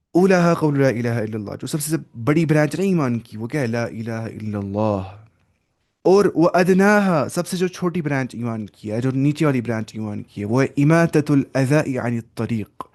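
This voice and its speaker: A man's voice: medium pitch, a little mellow. Man teaching a Quran lesson, Arabic then Urdu. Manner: recites Arabic slowly, then explains in Urdu with English words mixed in.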